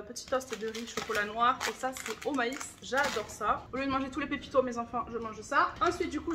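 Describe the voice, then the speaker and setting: A woman's voice: a little high, noisy background. A woman in her thirties, chatting casually and enthusiastically as she shows off her groceries in a vlog. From France. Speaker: vlogger. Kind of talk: casual grocery haul chat.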